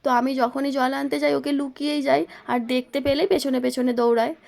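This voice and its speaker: Chatty mother with a gravelly voice. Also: sits high, fairly even intonation, fairly quick, a little mellow. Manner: chatty, homely narration of daily chores. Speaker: vlogger, mother. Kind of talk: casual vlog narration. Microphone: phone.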